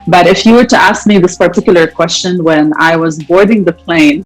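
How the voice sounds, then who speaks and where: A woman from Lebanon, in her thirties, answering interview questions in long, measured, articulate sentences. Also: on the low side, soft background music, low-quality recording. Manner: articulate, measured, speaks in long listed phrases. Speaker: interview guest, entrepreneur.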